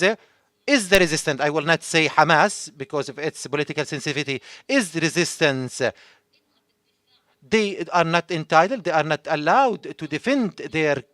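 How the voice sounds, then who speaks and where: A man interpreting live at a symposium, halting and full of filler pauses. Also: a little high, fairly bright tone, no echo. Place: conference hall.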